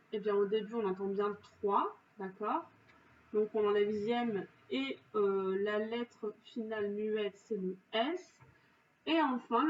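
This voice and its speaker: A woman teacher going through spelling exercises, explaining each answer slowly and patiently with frequent pauses and fillers. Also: on the high side, a little mellow. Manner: slow, careful, patient explanations with frequent "donc" and "euh". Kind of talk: correcting spelling exercises for pupils. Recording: dull, roomy, distant, faint hiss.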